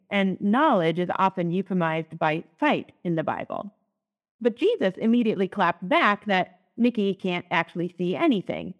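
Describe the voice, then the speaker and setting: A woman co-hosting a lectionary podcast, talking in a chatty, teacherly way. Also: mid-range voice. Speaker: podcast co-host, Lutheran. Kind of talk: casual lectionary podcast chat.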